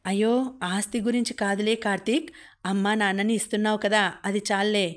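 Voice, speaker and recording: A woman's voice: medium pitch, flat delivery, fairly quick, natural voice. A woman reading the part of a proud, scornful older father who looks down on an orphan girl. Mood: defensive. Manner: scornful, dismissive.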